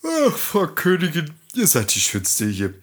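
A storyteller voicing a dutiful, weary magic mirror that speaks in a measured, matter-of-fact way. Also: mid-range voice, huge pitch swings, voice pushed up.

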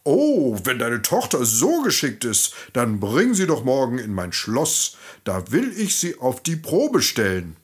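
A man's voice: mid-range voice, wildly swooping pitch, a little slow, hardly any pauses, husky, heavily acted. A man voicing a greedy old king who gives stern orders. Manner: stern and commanding.

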